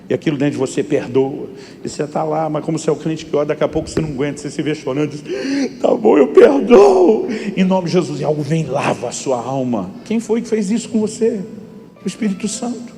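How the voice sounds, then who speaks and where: Middle-aged Brazilian pastor, fast storytelling sermon delivery, hall reverb, faint music underneath. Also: male voice, on the high side, mellow. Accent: Brazilian Portuguese. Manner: storytelling preacher who acts out dialogue.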